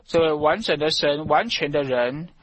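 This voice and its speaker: A man preaching a fervent sermon to a congregation, emphatic, and at times rising into loud shouts of praise. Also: a little high, moderate pace, no echo.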